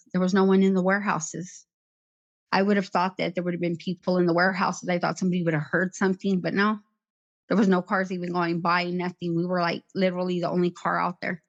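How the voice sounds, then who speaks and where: A middle-aged woman recounting her past in an interview, in a plain, halting way with many "like" fillers. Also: on the low side, muffled recording. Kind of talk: personal account in conversation.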